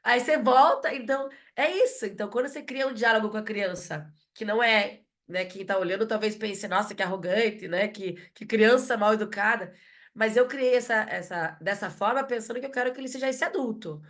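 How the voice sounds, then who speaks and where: A woman's voice: mid-range voice, fairly quick. A woman, a mother and psychologist, talking reflectively in a casual podcast chat, often checking in with tag questions.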